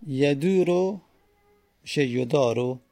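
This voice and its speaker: A man giving a lecture on grammar, asking questions and answering them himself, and stretching out each word form slowly syllable by syllable. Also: mid-range voice, creaky, mellow. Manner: drawn-out syllable-by-syllable spelling of word forms. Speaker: Arabic grammar teacher. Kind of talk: classroom lecture on Arabic morphology.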